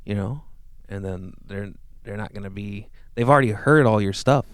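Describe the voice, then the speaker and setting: A man hosting a casual podcast chat, rambling and trailing off softly. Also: on the low side, moderate pace, smooth, dry recording, clean studio sound. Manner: rambling, laid-back, often trails off quietly.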